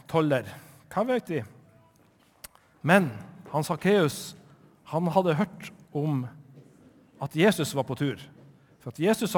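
In church, a man from Northern Norway with a high-pitched voice tells children a Bible story in a lively, chatty way, asking them questions as he goes. The recording has a long reverb tail.

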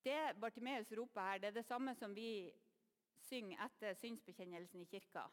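Woman preaching with a lively storytelling manner. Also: mid-range voice, in a large hall. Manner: lively storytelling, acts out voices. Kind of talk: sermon.

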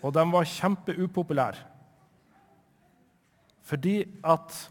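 A man from Northern Norway telling a Bible story to children in church, lively and chatty, asking his listeners questions. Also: a little high, long reverb tail.

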